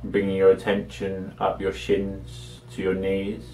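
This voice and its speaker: Soft music underlies this meditation, led by a man whose low voice is completely flat and slightly mellow. He speaks in short, measured instructions with long pauses, sounding echoey and distant from the mic.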